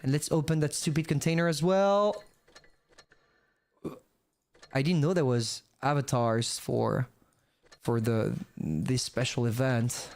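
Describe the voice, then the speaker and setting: This gaming streamer, a young man from France, speaks with a French accent in a mid-range, darkish voice, keeping a measured pace and fairly even intonation. He chats loosely with viewers while playing, often rambling to himself, over a noisy mic that glitches and drops out.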